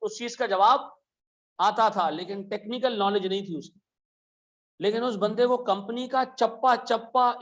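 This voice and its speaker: A middle-aged man teaching accounting in a classroom, lively, telling stories and firing questions at his students. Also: extremely high pitch, muffled recording. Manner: animated, asks students questions, tells stories. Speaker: accounting lecturer. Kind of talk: classroom lecture.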